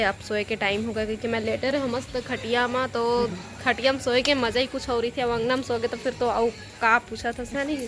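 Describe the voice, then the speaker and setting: High-voiced Chhattisgarhi woman vlogging casually. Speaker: home vlogger. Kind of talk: casual vlog chat. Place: at home in the evening.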